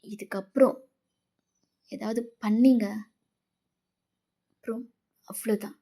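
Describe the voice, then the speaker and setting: A woman plays a heartbroken young woman, her voice a touch high yet soft and mellow. She pleads and accuses through tears in a fan fiction voice-over. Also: steady tone, takes it slowly. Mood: bitter.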